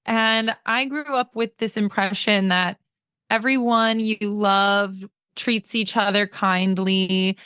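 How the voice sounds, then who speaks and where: A woman's voice: mid-range voice, steady tone, takes it slowly, sharp tone, clear, resonant tone, dry recording, studio quality. A woman hosting a podcast, upbeat and encouraging as she introduces a guest and asks questions. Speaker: podcast host. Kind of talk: podcast interview.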